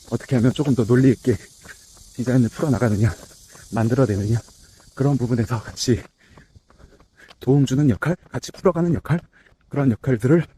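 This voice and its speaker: Man, middle-aged, casual talk while running, slightly breathless, warm relaxed tone, faint outdoor ambience. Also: medium pitch, a little hiss or hum. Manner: talking while running, effortful. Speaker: running vlogger. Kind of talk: casual vlog chat. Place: outdoors on a waterside running path.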